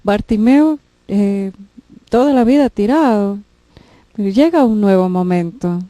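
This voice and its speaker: Woman, faith TV host, mid pitch, soft dark tone, earnest appeals. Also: a little slow, no echo. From Mexico. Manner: earnest, inviting viewers to call in. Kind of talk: faith talk show and prayer appeal.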